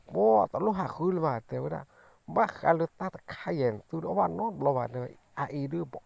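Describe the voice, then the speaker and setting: A man tells a story in a slow, rambling way, pausing on fillers as he goes. His voice is heavily gravelly and full of fry. The recording is dull and lo-fi. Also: a little high, lively intonation, darkish tone, no echo. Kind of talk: casual storytelling.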